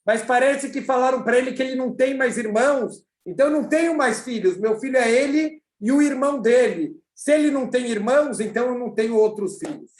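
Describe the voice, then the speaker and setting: A man's voice: very high voice, brisk, hardly any pauses. A man with a Brazilian accent voicing a stern father who firmly explains a lesson to his son. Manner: firm, explaining. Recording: echoey room over a video call.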